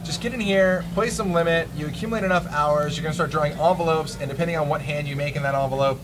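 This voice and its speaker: A man's voice: fairly high pitch, fast talker. A man giving casual live poker commentary as a stream host, chatty and full of slang. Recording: noisy room with loud background ambience.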